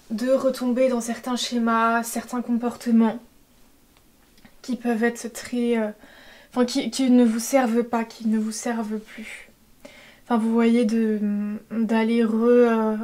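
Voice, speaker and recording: A woman giving an intuitive tarot reading, talking hesitantly with many fillers and a gentle tone. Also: a little high. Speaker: tarot reader. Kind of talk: intuitive card-reading guidance.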